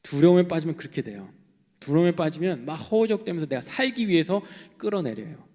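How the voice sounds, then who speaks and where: A young man preaching a sermon in an animated way, swinging between loud outbursts and hushed asides. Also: on the high side, quick pace. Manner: animated, acting out quoted voices, shifting between loud and hushed. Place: church hall. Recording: long hall reverb.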